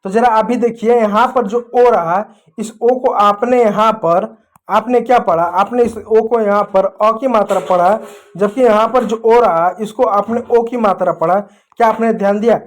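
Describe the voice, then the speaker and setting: A man's voice: sits high, normal speed. A man teaching an English pronunciation lesson, explaining step by step and asking the viewer questions while he writes on a board. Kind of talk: classroom lesson.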